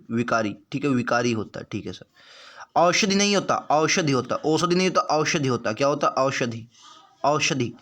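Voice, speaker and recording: A man's voice: fairly high pitch, a bit bright. Man drilling exam answers. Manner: repeats answers and quizzes viewers. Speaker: Hindi exam teacher. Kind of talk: exam practice lesson.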